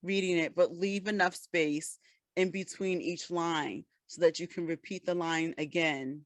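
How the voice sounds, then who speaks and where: A woman's voice: fairly low pitch, steady tone, a little slow, dry recording. A woman co-hosting a casual podcast chat, patiently explaining and giving advice. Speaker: podcast co-host.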